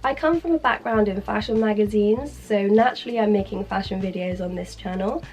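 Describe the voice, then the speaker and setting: A British woman talks through a fashion guide in an informal, chatty manner. Her medium-pitched voice sounds sick and strained, as with a sore, swollen throat. Light music plays behind her. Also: brisk, a little mellow. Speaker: fashion video creator. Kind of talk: upbeat scripted fashion guide to camera.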